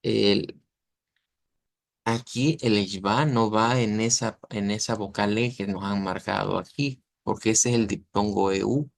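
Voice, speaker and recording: A man's voice: lowish voice, steady tone, unhurried, creaky, no echo. A man, teaching an online language class. He explains patiently and keeps checking that his students follow. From Latin America. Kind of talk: online lesson explaining pronunciation.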